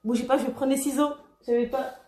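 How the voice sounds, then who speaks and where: A woman vlogger chatting casually and excitably while unboxing skincare products, laughing often and using many fillers. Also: high-pitched, fast talker. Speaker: beauty vlogger. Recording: echoey room.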